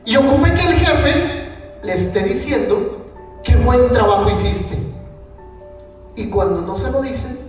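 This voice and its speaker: A man with a Mexican Spanish accent tells a family story at a conference and speaks each person's lines. He sounds far from the microphone in a large hall with a long, booming echo. Faint music plays underneath. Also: expressive, slow pace, long pauses. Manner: storytelling, acts out his daughter's and wife's lines. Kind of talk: conference talk with personal anecdote. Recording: echoey hall, mic from afar, faint music.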